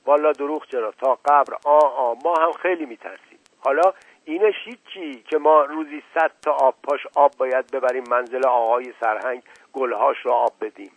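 A man reading aloud voices an anxious, folksy male household servant who talks with hushed worry. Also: medium pitch, fairly even intonation, slightly rough, no room sound, highs cut off, natural voice. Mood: worried, folksy. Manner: folksy, worried, speaks in hushed urgency.

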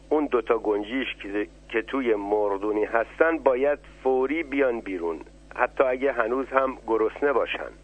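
A man's voice: mid-range voice, husky, lightly acted. A man voicing a clever, bossy male sparrow who leads his flock and gives orders, heard over a tinny phone-like radio line. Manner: commanding, giving orders.

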